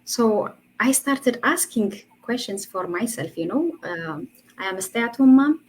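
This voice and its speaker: A woman's voice: fairly high pitch, lively intonation, a little slow, a little hiss or hum, poor audio. Earnest woman guest. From Ethiopia. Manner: earnest, laughs between phrases. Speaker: guest, online entrepreneur. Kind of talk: casual interview.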